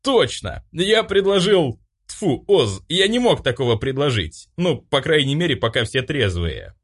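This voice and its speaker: A man's voice: on the high side, very animated, unhurried, slightly rough, voice pushed up, exaggerated voice. A man voicing a rowdy, cheeky drunk young man who slurs through boastful toasts. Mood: tipsy.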